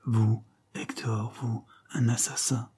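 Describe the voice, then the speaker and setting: A man's voice: mid-range voice, brisk, warm tone, slightly rough, pitched above the performer's own voice, close to an everyday voice. A man voicing an anguished young wife and mother, insistent and pleading.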